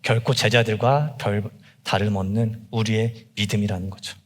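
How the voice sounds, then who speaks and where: A young adult man preaching a sermon as a junior pastor, emphatic and impassioned, rising to cries then dropping low. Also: steady tone, normal speed, big-room sound. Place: church sanctuary.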